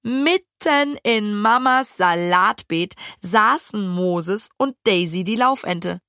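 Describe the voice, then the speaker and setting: Slow, expressive woman storyteller. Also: medium pitch, clear, resonant tone, no room sound, studio quality. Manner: lively, expressive reading. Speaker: audiobook narrator. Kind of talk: children's storybook narration.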